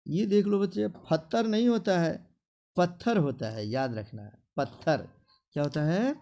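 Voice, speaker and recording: A man teaching a classroom spelling lesson, slowly drilling words and repeating them for his students, with a Bihari Hindi accent. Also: fairly high pitch, lively intonation, warm tone.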